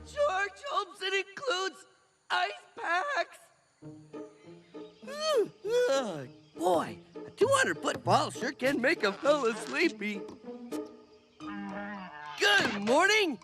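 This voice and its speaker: A man's voice: very high-pitched, big pitch swings, extremely slow, long pauses, full character voice. A man playing a dim-witted, cheerful jungle strongman who talks childishly about himself in the third person in a kids' cartoon. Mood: sleepy, delighted. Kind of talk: exaggerated kids' cartoon acting. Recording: loud cartoon music behind the voice.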